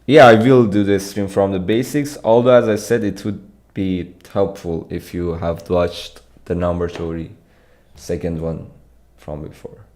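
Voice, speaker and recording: A young competitive programming streamer from Iran, deep-voiced and unhurried, reads his live chat aloud and responds in a relaxed, casual way. He's in a small dim room with pink light, speaking into an arm-mounted studio mic.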